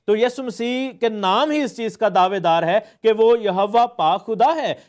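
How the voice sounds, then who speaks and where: Pastor guy preaching, kinda high voice, lots of uh and english bits thrown in. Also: darkish tone. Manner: explains word meanings, mixes in English phrases, many hesitations. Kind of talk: sermon teaching.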